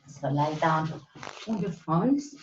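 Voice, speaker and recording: Slow-paced woman teaching Pilates from across a room. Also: low voice, animated, slight background noise. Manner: counts breaths and movements aloud in short, spaced cues. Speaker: Pilates instructor. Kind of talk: live exercise class instruction. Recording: roomy echo, distant mic, slightly dull sound.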